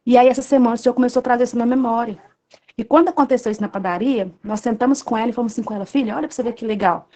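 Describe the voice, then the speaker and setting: A woman's voice: on the high side, very fast, mellow. A woman in her thirties with a Brazilian Portuguese accent giving an earnest, repetitive devotional testimony and addressing listeners as brothers. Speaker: church member giving testimony.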